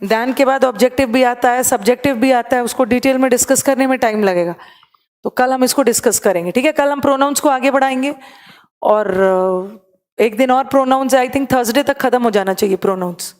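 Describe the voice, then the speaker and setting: A woman teaches an English grammar class online. She explains each point step by step and mixes Hindi with English. Her voice sits a little high and has a long reverb trailing behind it. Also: fairly quick, a little mellow.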